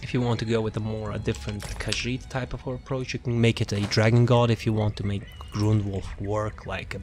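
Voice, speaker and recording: In a brisk, flat delivery, a man with a lowish, slightly mellow voice gives an unscripted, casual video game build walkthrough. He rambles and repeats words and phrases while searching, with music in the background.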